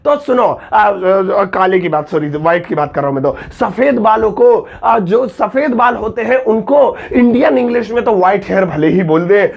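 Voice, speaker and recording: A young man from India, an English teacher, giving a joking Hindi-language lesson and saying example sentences slowly and carefully. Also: high-pitched, creaky, lo-fi sound. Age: young adult. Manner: jokey, teasing, slow over-enunciated example sentences.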